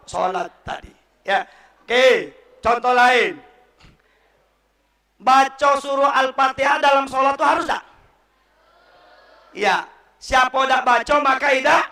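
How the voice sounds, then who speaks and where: A young man with a Palembang accent preaches in a mosque, quizzing his listeners and correcting their recitation. His voice is high and bright. It reaches the mic from a distance, in an echoey room. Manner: animated, quizzing the audience and correcting them. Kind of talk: sermon to school students.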